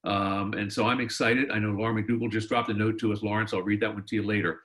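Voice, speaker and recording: A man's voice: on the low side, level tone, fast talker, a bit bright, low-quality recording. A man hosting a webinar, introducing a guest speaker in a rambling way with many fillers, over a video call. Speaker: webinar host.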